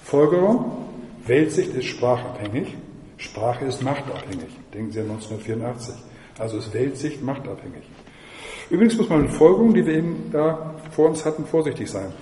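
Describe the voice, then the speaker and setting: A man's voice: mid-range voice, lively intonation, a little fast, dark tone. A man giving a university mathematics lecture, digressive and firing rhetorical questions at the audience. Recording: echoey lecture hall, faint noise.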